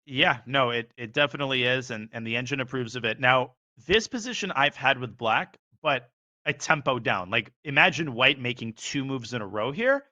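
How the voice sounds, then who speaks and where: A man's voice: mid-range voice, lively intonation, bright, forceful tone, lo-fi sound. A man commentating live chess, analyzing positions and rattling off moves. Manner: analytical, calls moves rapidly.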